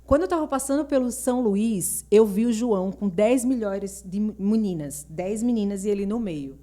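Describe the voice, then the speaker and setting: A middle-aged woman chats as a guest on a podcast with a warm, mellow voice. She speaks frankly and firmly about her views. She tells her family stories in a lively way. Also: mid-range voice, normal speed. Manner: lively storyteller who acts out family dialogue; frank and opinionated. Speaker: guest mother on a school podcast. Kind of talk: casual podcast chat.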